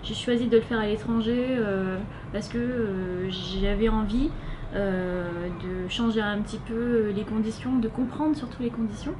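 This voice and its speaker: With a fairly high pitch, fairly even intonation and a measured pace, a young French volunteer answers interview questions. Her French-accented replies are casual and hesitant, packed with fillers, and the recording carries a noisy background hiss.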